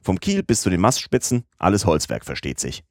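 A man voicing a blustering American sea captain who shouts curses and chokes with rage. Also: sits low, wildly swooping pitch, fairly quick, no echo, studio quality. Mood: gruff bargaining.

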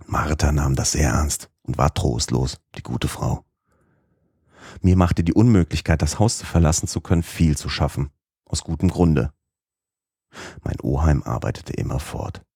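A man narrates a novel in the first person with a very low, deep voice. His storytelling delivery is measured and even. The close studio recording is dry, with no room sound. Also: creaky, breathy edge, no echo. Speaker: audiobook narrator.

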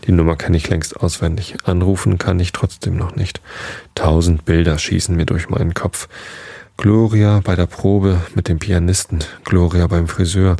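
Male audiobook reader, low and husky, dark tone, dry close recording. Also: flat delivery, moderate pace, no echo. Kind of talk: reading a novel aloud in first person.

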